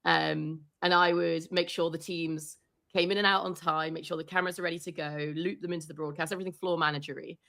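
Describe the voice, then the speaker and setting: A woman sports reporter chatting as an interview guest, telling animated stories and laughing often. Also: fairly low pitch, fast talker, vocal fry. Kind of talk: casual interview chat.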